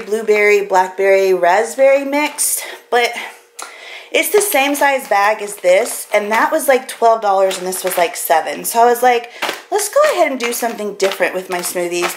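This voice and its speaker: A woman in her thirties with an American accent vlogs in her home kitchen, chatting casually and rambling about a grocery haul. Her mid-range voice moves at a normal pace and is picked up by a handheld camera mic held at arm's length, with noticeable background noise.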